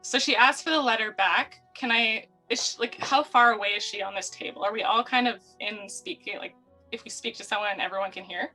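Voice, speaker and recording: A woman's voice: on the high side, brisk, sharp tone, soft background music, poor audio. A woman playing a tabletop game, chatting casually and giggling often. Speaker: player.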